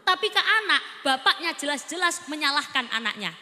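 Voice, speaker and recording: A woman preaching a lively sermon, playfully teasing her audience and acting out children and parents. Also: high-pitched, brisk, big-room sound.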